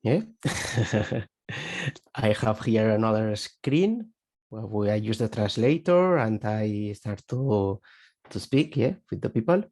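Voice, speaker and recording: A Spanish man with a Spanish accent asks a halting question on a video webinar call, searching for words as he goes. His voice is lowish and a little mellow, animated yet slow.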